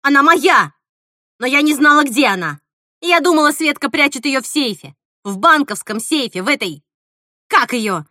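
A woman reading an audiobook, voicing a bitter, vengeful actress who hisses and shouts in an unhinged way. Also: high voice, animated, moderate pace, no echo, studio quality, pitched above the performer's own voice. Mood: furious.

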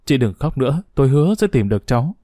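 A man's voice: mid-range voice, very animated, quick pace, dark tone, dry recording, clean studio sound, close to an everyday voice. A man voicing a remorseful kind village man.

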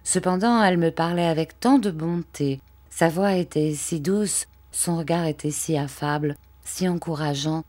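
A woman narrates a classic novel in a measured, expressive reading. Her voice sits low in pitch for a woman. She takes her time and shapes each sentence with care. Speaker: audiobook narrator. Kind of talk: literary audiobook narration.

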